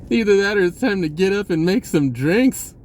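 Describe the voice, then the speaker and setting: With a high, animated voice at a moderate pace, a man shares a spiritual vlog. The talk is loose and easygoing, marked by frequent restarts and the occasional chuckle.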